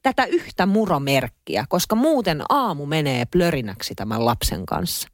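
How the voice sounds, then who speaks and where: A co-host in casual chat, reacting quickly and telling stories expressively. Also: mid-range voice, sing-song, no echo, studio quality. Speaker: podcast co-host.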